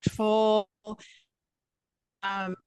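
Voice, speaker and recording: A woman's voice: mid-range voice, little pitch movement, a little mellow, smooth, no room sound. A woman moderating a webinar, asking a question over a video call whose audio breaks up and cuts out between words. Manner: halting, words dropping out between fragments. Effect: choppy call audio, breaking up and cutting out.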